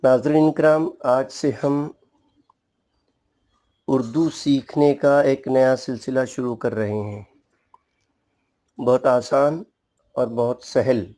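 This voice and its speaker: A man's voice: mid-range voice, fairly even intonation, slow pace, pauses often, mellow. A man teaching an alphabet lesson in a formal, courteous way, patiently explaining each letter's name and sound. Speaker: Urdu teacher. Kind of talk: slow spoken language lesson.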